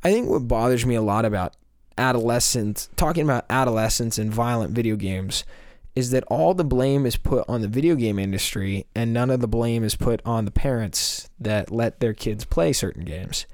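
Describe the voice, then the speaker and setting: A man's voice: mid-range voice, moderate pace, darkish tone, no room sound, studio quality. A young man co-hosting a podcast, talking casually with many fillers as he argues a point. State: voice still recovering from losing it. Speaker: podcast co-host. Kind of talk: casual discussion.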